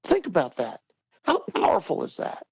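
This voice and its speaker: An older man talking heatedly on a podcast, repeating himself for emphasis and rising in pitch when worked up. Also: huge pitch swings, moderate pace, breathy edge, no echo, low-quality recording. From Texas. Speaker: podcast guest. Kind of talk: impassioned talk-show commentary.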